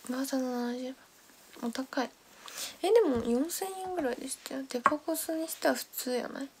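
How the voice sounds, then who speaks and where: A young woman hosting a casual livestream, chatting and thanking viewers by name, sometimes dropping to a soft whisper, on a close mic indoors. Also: high voice, moderate pace, slight background noise. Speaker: idol livestream host. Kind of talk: casual livestream chat reading comments.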